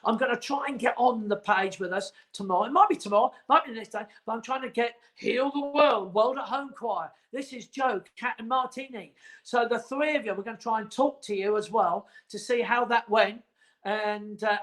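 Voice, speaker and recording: A man's voice: very high voice, normal speed, a bit bright. A man in his forties hosting a casual livestream chat from home, rambling and teasing. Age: 40s. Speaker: host.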